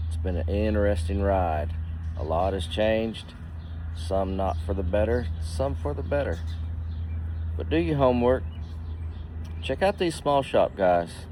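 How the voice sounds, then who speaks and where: A man in his sixties speaking to viewers in a reflective, deliberate monologue, pausing often and posing rhetorical questions. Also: lowish voice, dark tone, a little hiss or hum. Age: 60s. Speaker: duck hunter and caller, vlogger.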